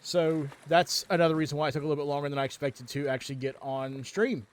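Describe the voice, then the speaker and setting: Guy streaming a game at home, kinda high voice, rambly with lots of ums, headset mic sound. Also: steady tone, fast talker. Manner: rambling, with many ums and restarts. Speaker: livestream gamer. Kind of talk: casual stream chat.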